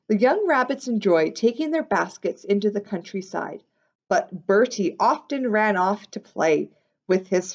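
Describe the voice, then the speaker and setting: A woman with a gravelly, mid-range voice reads a picture book aloud to young listeners, expressive and unhurried. She adds simple explanations in casual asides, and the recording sounds muffled.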